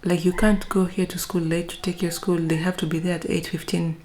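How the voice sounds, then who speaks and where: Young Kenyan woman, Kenyan accent, casual vlogger, slightly low voice, chatty with whispered asides. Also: level tone, brisk, darkish tone, slight background noise. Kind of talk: casual vlog talk to camera.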